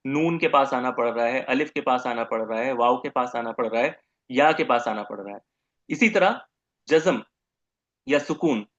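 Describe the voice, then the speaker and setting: A man's voice: fairly high pitch, a bit bright, lo-fi sound. A man teaching Arabic grammar in a recorded lecture, explaining patiently and drawing out sounds when he demonstrates them.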